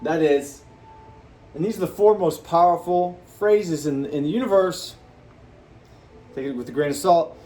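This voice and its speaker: A man hosting a motivational talk to camera, speaking animatedly and jumping up in pitch for emphasis, acting out quoted people. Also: unhurried, pauses often, darkish tone. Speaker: host.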